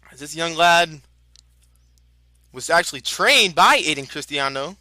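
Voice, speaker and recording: Bright, high-voiced male lucha libre announcer. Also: animated, measured pace, no echo. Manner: chatty, informal, exclamatory. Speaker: wrestling announcer. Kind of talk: lucha libre play-by-play commentary with promotional plugs.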